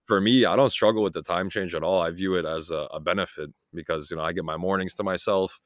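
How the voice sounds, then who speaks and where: Guest, young man, very low voice, relaxed chatty delivery, dry sound. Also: fast, dry recording. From Toronto, Canada. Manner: easygoing, relaxed, filler-heavy. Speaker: guest, freight broker. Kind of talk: casual interview chat.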